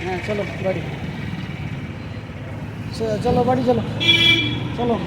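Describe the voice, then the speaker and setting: A woman's voice: a little high, unhurried. A woman from West Bengal filming her children for a casual family vlog, coaxing them along with short, repeated commands. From West Bengal, India. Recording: noisy phone recording.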